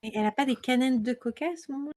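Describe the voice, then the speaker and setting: A woman co-hosting a casual podcast chat, giggly and quick, often breaking off mid-sentence. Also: high voice, a little mellow. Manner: giggly, quick, easily distracted. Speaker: podcast co-host.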